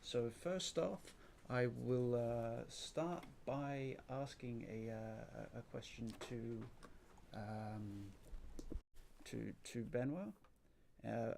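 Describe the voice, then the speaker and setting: A man's voice: mid-range voice, vocal fry, a little mellow, a little hiss or hum. A man moderating a panel discussion, hesitant and repeating words.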